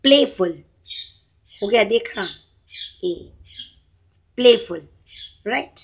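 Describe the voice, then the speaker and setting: A woman's voice: on the high side, lively intonation, slightly rough. A woman teaching a grammar lesson to children, switching between Hindi and English and drawing out each example word. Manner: slow, deliberate, mixes Hindi and English, drawn-out example words.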